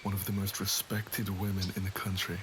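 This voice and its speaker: Birdsong and ambience sit clearly behind a lowish, courtly noble lord, acted by a man. He speaks formally and smoothly, with a knowing needle, as in a fantasy romance roleplay. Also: flat delivery, a little fast, background noise, close to an everyday voice. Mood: smooth, needling.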